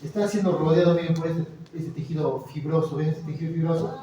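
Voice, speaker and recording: A man's voice: on the high side, a little fast, muffled recording, heavy background noise. A male anatomy lecturer teaching a class, quizzing students and encouraging them with frequent "very good.". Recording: echoey lecture hall, mic far off, students audible. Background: students murmuring and answering.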